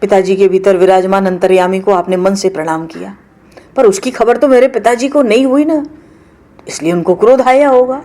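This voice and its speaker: A woman's voice: mid-range voice, moderate pace, warm tone, lightly acted. A woman voicing a young goddess wife in a devotional retelling, raising her voice in insistent questions. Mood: indignant.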